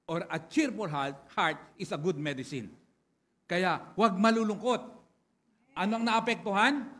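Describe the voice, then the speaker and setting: A man preaching a sermon to his congregation, chatting casually at first, then building to louder, lively preaching. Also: sits high. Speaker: pastor.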